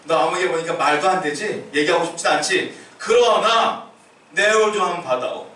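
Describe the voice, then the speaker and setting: A man's voice: on the high side, normal speed, sharp tone, a little hiss or hum. A male pastor voicing God as a coaxing heavenly father, heard in an echoey church hall from far off.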